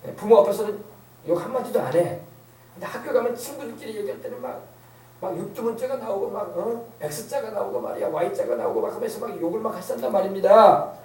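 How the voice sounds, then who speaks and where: Pastor, man, middle-aged, high voice with a mellow tone, emphatic repetitive preaching, echoey church from a distance. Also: brisk, a little hiss or hum. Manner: rhetorical questions, emphatic repetition. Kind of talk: sermon. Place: church sanctuary.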